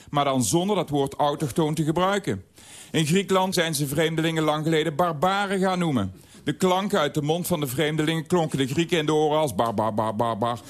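Wry man reading a radio column. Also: on the high side.

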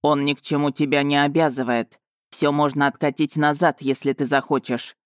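A woman voicing an arrogant male dragon suitor in an audiobook, her voice lowered and firm. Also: level tone, normal speed, dry recording, clean studio sound, close to an everyday voice. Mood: cold.

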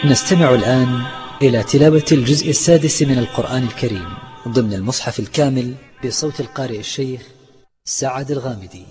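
A man's voice: medium pitch, fast, music in the background. A male announcer reading a scripted, formal introduction in standard Arabic.

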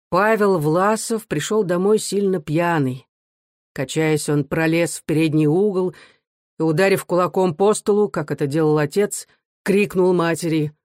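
A narrator reading a classic novel in a steady, even storytelling manner. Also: mid-range voice, no room sound, clean studio sound. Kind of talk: audiobook narration.

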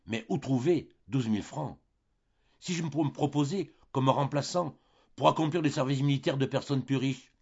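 A man reading aloud, voicing a heartbroken old father who pleads with his daughters in anguished outbursts, in a husky tone. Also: medium pitch, moderate pace, darkish tone, dull audio, pitched above the performer's own voice. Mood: desperate.

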